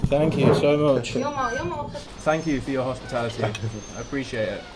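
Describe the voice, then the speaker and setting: A man's voice: mid-range voice, moderate pace. A man, a travel vlogger chatting casually and enthusiastically outdoors. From United Kingdom. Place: outdoors by a road.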